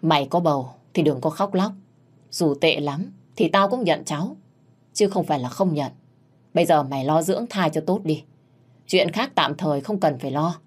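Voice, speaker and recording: A woman voicing an older mistress of a household who gives blunt orders in a low, husky voice. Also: expressive, normal speed. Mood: commanding. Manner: commanding, blunt.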